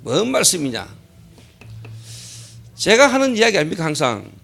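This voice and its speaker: A man's voice: high-pitched, big pitch swings, moderate pace, vocal fry, fairly bright tone. A middle-aged male pastor preaching a sermon at a church service. He keeps posing rhetorical questions, answers them himself, and repeats key phrases for emphasis.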